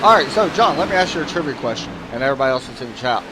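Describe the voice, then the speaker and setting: A man calls an online race on his own stream, relaxed and joking, at a mid pitch. He sometimes talks with food in his mouth. A clear background noise runs under his voice. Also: rapid-fire. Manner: laid-back, joking, talks while chewing. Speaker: race commentator and stream host. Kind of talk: casual sim-racing commentary.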